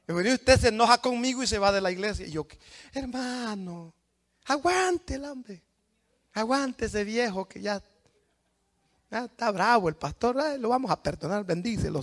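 A man preaching as a pastor, swinging between shouted praise and low, chatty asides to his congregation. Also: creaky. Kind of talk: Pentecostal-style sermon.

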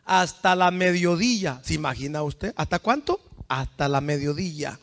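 A man preaching a fervent sermon, swinging from hushed asides to shouts and firing questions at the congregation. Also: a little high, animated, moderate pace, creaky.

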